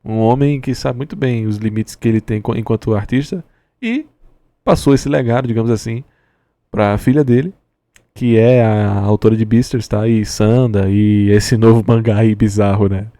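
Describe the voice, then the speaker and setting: A Brazilian man hosts a reaction with a dark, sleepy voice roughened by a smoker's rasp. His casual commentary comes haltingly, with frequent tag questions, in a very dry recording. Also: lowish voice, dry recording. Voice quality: raspy smoker-like voice from tiredness. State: sleepy, tired. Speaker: reaction video host.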